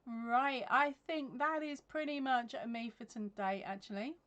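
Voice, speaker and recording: Through a webcam at her desk, a woman from England chats and reads comments on a crochet livestream from her home craft room with shelves of yarn. Her voice sits on the high side, a bit bright and a little slow. She laughs often and uses plenty of ums.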